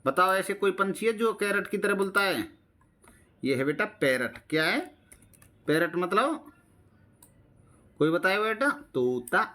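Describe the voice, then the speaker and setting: A man's voice: high voice, expressive, unhurried, long pauses, pushed and bright. A man teaching a children's English lesson with an Indian accent, patiently repeating each phrase in Hindi. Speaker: primary school English teacher. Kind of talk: bilingual classroom-style lesson explaining a textbook.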